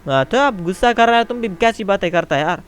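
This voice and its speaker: A man's voice: high-pitched, expressive, quick pace, clean tone, pitched above the performer's own voice. A man voicing a quarrelsome male Pathan tent builder in a game role-play, arguing in Pashto-accented Urdu with broken grammar. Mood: grumbling. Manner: argumentative, grumbling, broken grammar, keeps saying "maada".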